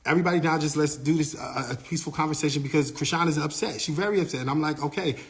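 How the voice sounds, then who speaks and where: A young adult man in casual storytelling, animated, repeating himself and acting out what others said. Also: a little high, racing. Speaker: manager telling a story.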